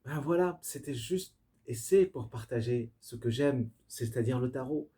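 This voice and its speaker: A tarot reader with a warm, medium-pitched voice gives an improvised reading to camera, addressing viewers directly. He is effusive and spiritual, often pausing to hunt for words, with fillers and restarts.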